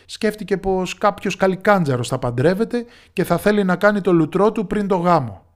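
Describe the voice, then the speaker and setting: A man telling a folk tale in lively, expressive scripted narration. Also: high-pitched.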